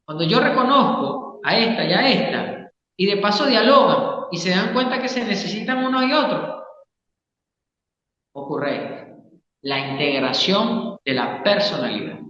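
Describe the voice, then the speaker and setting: A man's voice: sits high, animated, unhurried, pushed and bright. A man, a psychologist explaining ideas in an interview and often checking in with the listener. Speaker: psychologist and Gestalt therapist, interview guest. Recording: echoey room, long reverb, dull sound.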